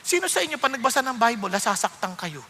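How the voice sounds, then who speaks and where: A Filipino-accented man preaching a sermon as pastor, mixing Tagalog and English, moving from quiet reflection to loud rebuke. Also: very high-pitched, very animated, fast talker, big-room sound.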